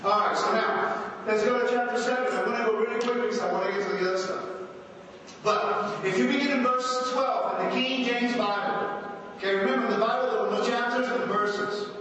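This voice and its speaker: High-voiced man teaching in an echoey hall. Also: fairly even intonation, a little fast, bright, forceful tone, slight background noise. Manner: conversational, repeats himself, often checks if listeners follow. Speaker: Torah teacher. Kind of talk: informal teaching talk. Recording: echoey hall, mic from far off.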